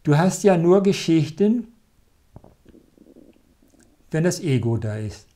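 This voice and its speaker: Male meditation teacher, calm and reassuring, a touch high-pitched, warm and soft, answering viewer questions live. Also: slow pace. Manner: calm, gently reassuring, often adds a questioning "nicht?".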